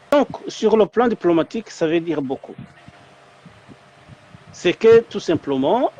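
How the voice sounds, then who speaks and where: Male interview host with a fairly high voice. He frames long questions with pauses. Slightly muffled audio. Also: a little mellow.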